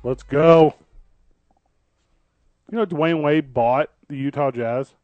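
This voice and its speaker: Higher-voiced man hosting sports talk radio. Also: slow pace, no echo, dull audio, soft background music. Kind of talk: casual sports talk commentary.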